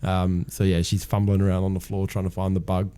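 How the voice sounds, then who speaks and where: A man's voice: deep voice, monotone, a little fast, warm tone, clear, resonant tone. A man, co-hosting a podcast and chatting casually as he recaps a TV episode. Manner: laid-back, chatty storytelling with fillers. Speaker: podcast co-host. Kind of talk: casual chat recapping a TV show.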